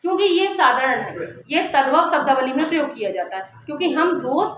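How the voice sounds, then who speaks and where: High-voiced woman teaching in an echoey classroom. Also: lively intonation, a bit bright. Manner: explanatory, repeats sounds slowly to demonstrate. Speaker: Hindi teacher. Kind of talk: classroom grammar lesson. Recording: very echoey classroom with faint noise.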